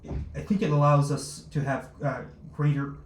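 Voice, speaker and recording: Halting man in an echoey room. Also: a little high, steady tone. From born in Luxembourg, raised abroad. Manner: halting, many fillers and restarts. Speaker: startup founder, guest. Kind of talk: interview answers. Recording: roomy echo, faint noise.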